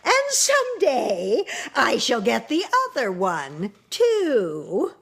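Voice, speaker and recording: Wicked old witch, cunning and spiteful, shrill wailing screech, slow drawn-out words. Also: wildly swooping pitch, full character voice. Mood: taunting.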